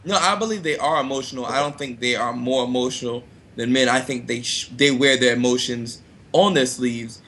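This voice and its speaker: A man's voice: medium pitch, brisk, a little hiss or hum. A young man panelist in a casual group discussion, speaking emphatically about his own views. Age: young adult. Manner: animated, emphatic.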